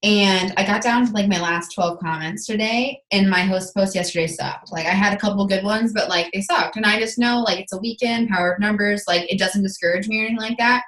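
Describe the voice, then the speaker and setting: Woman, mid-pitched voice, rambling casual chat, roomy video call audio. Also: a little fast, hardly any pauses, fairly bright tone. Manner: rambling, filler-heavy, many restarts. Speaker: team member on a video call.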